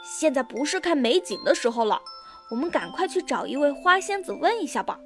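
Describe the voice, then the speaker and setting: A woman's voice: high-pitched, big pitch swings, brisk, faint music behind. A woman voicing a brave, caring little hedgehog leader in a children's audio story, speaking earnestly and urgently.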